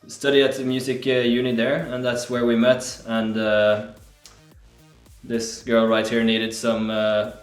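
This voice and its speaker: A young man from Norway, a band musician, telling how the group met in a relaxed, hesitant way. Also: medium pitch, a little slow, roomy sound, soft background music. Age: young adult. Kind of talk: casual interview chat.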